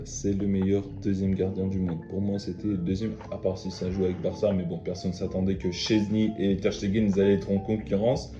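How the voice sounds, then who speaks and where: A man's voice: low voice, mellow. A young man casually talking through football matches and transfers as a video host, chatty and emphatic, with lots of fillers and restarts. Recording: dull lo-fi sound in an echoey room with faint music.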